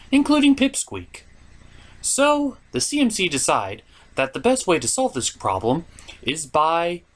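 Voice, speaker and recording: A performer voices a theatrical gentleman puppet host in a mid-range voice, reviewing a cartoon from a script with dramatic pauses and mock outrage.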